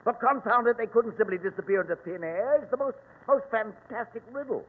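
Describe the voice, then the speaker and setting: An actor playing a flustered, officious English police inspector in old-time radio drama, emphatic, earnest and blustering. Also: male voice, very high voice. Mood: exasperated, worried. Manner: blustering, emphatic, halting repetitions. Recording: tinny, noisy, reverberant old radio recording.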